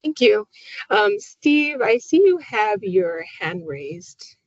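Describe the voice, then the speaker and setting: A woman's voice: mid-range voice, big pitch swings, slow, no room sound. A woman moderating a webinar, her voice muffled by a poor microphone.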